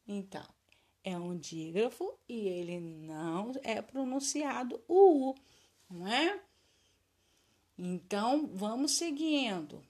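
A woman's voice: fairly high pitch, darkish tone. A woman teacher giving a recorded lesson for children, drilling words in a patient sing-song and praising her pupils.

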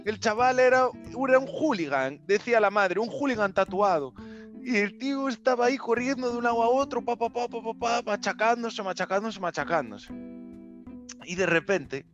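Man, high voice, animated podcast storyteller; dull lo-fi recording with faint music. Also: moderate pace. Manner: animated, slangy, with mouth sound effects. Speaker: podcast host. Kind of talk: casual storytelling.

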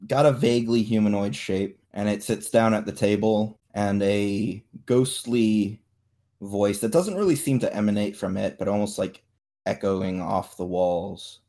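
A man with a fairly low voice runs a tabletop game. He improvises his narration and explains things haltingly as game master. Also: warm tone.

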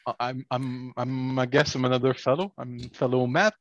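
A man chats casually as a podcast co-host. His pitch is average and the recording is dry and somewhat dull. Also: level tone, moderate pace, no room sound. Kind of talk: casual chat.

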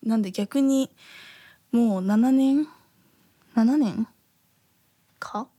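A woman in her twenties from Osaka, hosting a casual podcast and reading listener messages, talking softly with many fillers and frequent laughs. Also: fairly high pitch, extremely slow, dry recording, clean studio sound. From Osaka, Japan. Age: 20s. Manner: soft-spoken, filler-heavy, laughs often.

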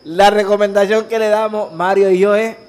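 A man's voice: high-pitched, flat delivery, moderate pace, darkish tone. A man with a Puerto Rican accent co-hosting a casual podcast chat, joking and finishing his partner's lines. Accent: Puerto Rican Spanish. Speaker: podcast co-host.

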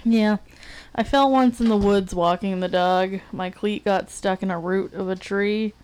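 A young woman trades quick reactions and stories in a relaxed podcast chat, often giggling. Her voice sits at an average pitch. She talks in a chatty, easygoing way. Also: slight background noise, poor audio. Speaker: podcast co-host. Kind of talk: casual chat.

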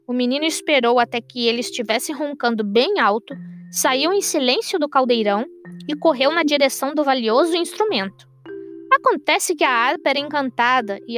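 A woman narrates a fairy tale for radio in an expressive, measured reading. Her voice sits high, and soft music plays faintly behind her. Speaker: storyteller.

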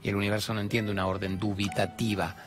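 An older man with an Argentine accent hosts a motivational talk show. He preaches in an animated way and slips into characters while telling stories. Soft music plays beneath his voice. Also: on the low side, quick pace. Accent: Argentine Spanish. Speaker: self-help radio host.

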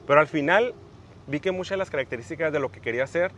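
A man's voice: on the high side, fast, fairly bright tone, a little hiss or hum. A young man hosting a casual podcast, thinking aloud with frequent restarts and fillers. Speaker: podcast host.

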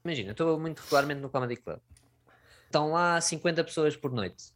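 A man's voice: on the high side, lively intonation, quick pace, fairly bright tone, a little hiss or hum. A man chatting casually in a colloquial, slangy, sweary way. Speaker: stand-up comedian. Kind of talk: casual chat.

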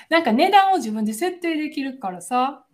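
Chatty Kansai-accented woman, higher voice. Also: lively intonation, moderate pace. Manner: chatty, laughs often, explains phrases. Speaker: podcast co-host, Japanese teacher. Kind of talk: casual chat.

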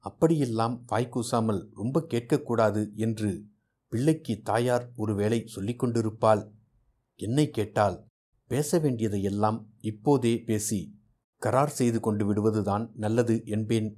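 A man's voice: fairly low pitch, normal speed, close to an everyday voice. A man reading aloud voices an anxious, talkative older mother who chatters on without stopping. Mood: chattering. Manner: chattering, soft.

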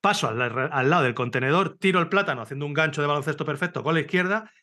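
A man from Spain, a podcast host, telling a comic story in casual chat, animated and laughing, swearing freely. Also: on the high side, fast. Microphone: video call.

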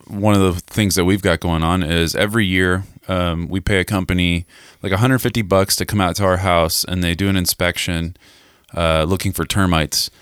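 Low-voiced, smooth man chatting. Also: steady tone, moderate pace, a bit bright, no echo, clean studio sound. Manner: storytelling, chatty with many fillers. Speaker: podcast host. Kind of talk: casual chat.

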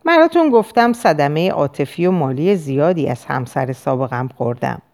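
A woman's voice: low voice, big pitch swings, darkish tone, voice pushed down. A woman reading as a hesitant male patient. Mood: confiding. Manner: hesitant, halting recollection. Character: anxious middle-aged male banker patient.

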